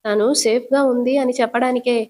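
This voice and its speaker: A woman voicing a calm young man who soothes and coaxes his worried aunt. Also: on the high side, a little fast, lightly acted. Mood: reassuring. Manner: soothing, coaxing. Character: calm reassuring young man, caring nephew.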